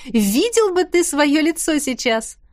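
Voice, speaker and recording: Woman reader as a lively, teasing young wife; higher and bright, dry. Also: dry recording. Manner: bright, teasing, quick to exclaim.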